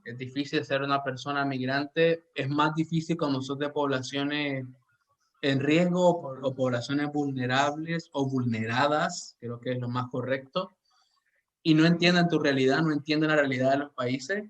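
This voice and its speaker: Earnest and reflective, a male podcast host with a Central American Spanish accent chats casually, repeatedly restarting what he's saying. He has a fairly high-pitched, somewhat bright voice.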